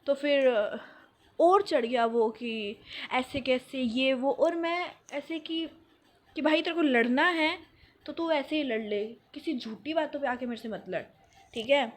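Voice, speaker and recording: A woman's voice: high voice, unhurried. A young woman telling a school story in a storytime vlog, acting out what people said and dropping in English phrases. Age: young adult. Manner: animated, acts out quotes, mixes in English phrases. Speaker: vlogger.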